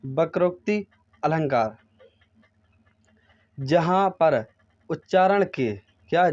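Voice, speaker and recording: Slow, high-voiced male teacher drilling points. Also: darkish tone, lo-fi sound. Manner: repeats each point as a quiz, asking "kya?" then answering; slow, drawn-out recitation of example lines. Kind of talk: Hindi grammar lesson.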